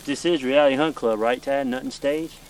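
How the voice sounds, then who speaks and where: A man's voice: medium pitch, a little fast, poor audio. A man with a folksy, teasing manner, chatting casually outdoors as a hunting show host talking with his child. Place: outdoors in rural land. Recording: outdoor recording with faint noise.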